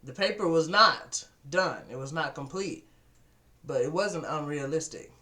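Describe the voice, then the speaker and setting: A man's voice: a little high, measured pace, bright, forceful tone. Storytelling man on a webcam. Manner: storytelling, acts out quoted voices, repeats words. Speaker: vlogger. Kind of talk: casual motivational talk to webcam. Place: at home at a computer.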